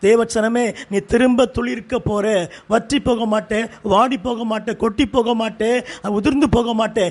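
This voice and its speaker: A man's voice: very high voice, steady tone, moderate pace. A man preaching a fervent sermon in short repeated phrases as pastor, with a Tamil accent.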